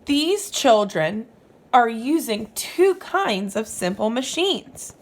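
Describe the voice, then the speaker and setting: Her voice on the high side and very animated, a woman takes her time reading aloud to young children. She keeps it instructive, explaining as she goes and asking the listener questions, just like a teacher.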